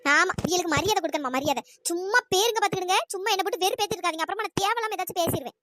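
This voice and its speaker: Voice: very high voice, rapid-fire, sharp tone, no echo, clean studio sound. A performer voicing a defiant young daughter-in-law who answers back with mocking retorts in a cartoon. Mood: sarcastic. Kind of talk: cartoon voice acting.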